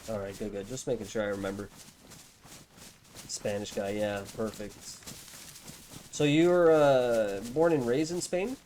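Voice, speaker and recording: A man's voice: on the low side, unhurried, pauses often, darkish tone, a little hiss or hum. A young man streaming a game, chatting casually and amiably with strangers he meets. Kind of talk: casual chat while playing a game.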